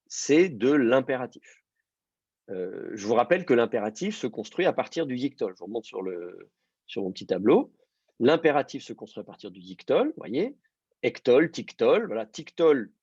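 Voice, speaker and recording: A man teaching a Hebrew reading class, explaining step by step and often pausing with fillers. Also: mid-range voice, darkish tone, breathy edge, dry recording. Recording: dull lo-fi dry sound.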